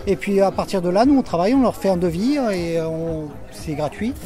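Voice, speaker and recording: Man, 40s, high warm voice, eager, stammering repeats, outdoor fair, faint music. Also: lively intonation, brisk. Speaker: machining business owner. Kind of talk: casual interview answers. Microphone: handheld mic held by interviewer.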